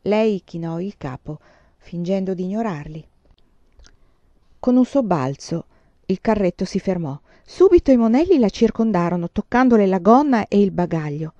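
A woman reading a novel aloud in a calm, measured storytelling manner. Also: mid-range voice, no room sound, lo-fi sound. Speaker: audiobook reader.

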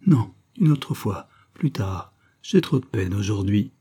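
A man's voice: on the low side, animated, unhurried, warm tone, husky, exaggerated voice. A man voicing a distraught young woman who pleads in pain, in an audiobook reading. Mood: anguished. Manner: pained, pleading.

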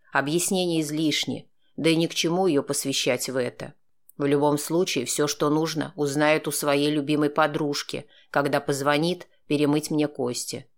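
A man narrating a first-person audiobook in a steady, dry, sardonic tone. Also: fairly high pitch.

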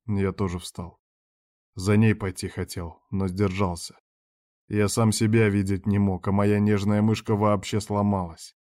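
Low dark-voiced male audiobook narrator. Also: flat delivery, a little slow. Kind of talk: first-person audiobook narration.

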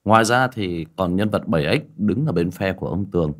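A man's voice: low voice, animated, fairly quick. A man narrating an audiobook, addressing listeners directly in a conversational way.

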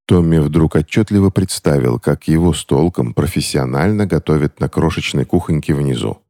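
Deep expressive male audiobook narrator. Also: normal speed, no echo, studio quality. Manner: expressive storytelling.

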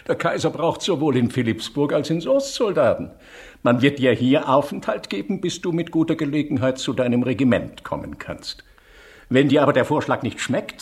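Radio play officer: sardonic, condescending, highly animated intonation, old-fashioned official wording. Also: male voice. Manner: condescending, mocking, archaic official speech. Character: male army officer, sardonic, pressing a captive into service.

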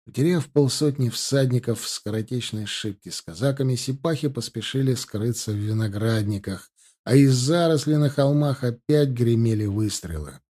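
A man narrating a historical war novel in a steady storytelling manner. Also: medium pitch, moderate pace. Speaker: audiobook narrator. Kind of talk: scripted narration.

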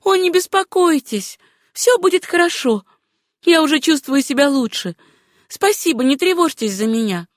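A woman reading aloud, voicing a young widowed woman who is numb with grief, in a gentle, insistent voice raised well above her own. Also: high voice, lively intonation, moderate pace, no room sound, clean studio sound, pitched above the performer's own voice. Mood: numb insistence.

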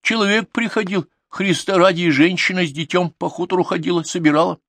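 A man's voice: high-pitched, steady tone, a bit bright, dry recording, voice pushed up. A man voicing a simple, trusting old village grandmother with speech in an audiobook. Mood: earnest. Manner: folksy, singsong, drawn-out dialect speech. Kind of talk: audiobook character reading.

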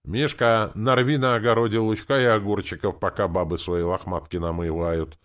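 A man voicing a boisterous, hard-drinking old village carpenter who talks in a loud, bossy, folksy way. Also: low voice, big pitch swings, measured pace, voice pushed up, exaggerated voice.

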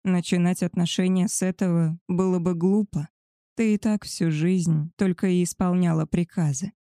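A woman voicing a male werewolf alpha, a tender and possessive lover, in a soft, husky murmur for an audiobook. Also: lowish voice, steady tone, moderate pace, no room sound, clean studio sound, natural voice. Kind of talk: audiobook character voice.

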